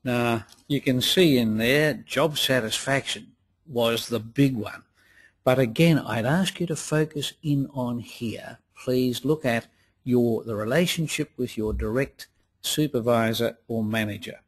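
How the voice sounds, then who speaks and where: A man giving a webinar presentation in a deliberate way, repeating phrases for emphasis. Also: mid-range voice, husky. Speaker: lecturer and presenter.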